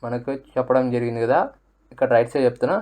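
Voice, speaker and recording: A man's voice: medium pitch, little pitch movement, rapid-fire, noisy background. A man with a Telugu accent explaining step by step how to use a phone app, repeating menu words aloud. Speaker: tutorial presenter. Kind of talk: screen-reader app tutorial.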